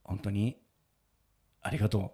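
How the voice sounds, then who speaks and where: A man's voice: on the low side, normal speed, mellow, breathy edge. A man hosting a casual radio chat, telling a moving story and often breaking into laughter. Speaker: radio show host and wedding photographer.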